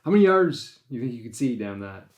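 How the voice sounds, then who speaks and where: Very animated and fast, with a medium pitch and darkish tone, this Maine podcast host rambles through a hunting story. The deer hunter keeps restarting and dramatizes his own thoughts in a casual chat.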